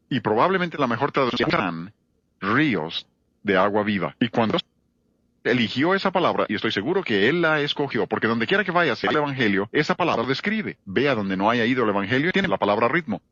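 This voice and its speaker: A man's voice: medium pitch, a bit bright, dry recording, muffled recording. A man giving a church seminar lecture on music, emphatic and full of rhetorical questions to his audience. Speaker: seminar speaker.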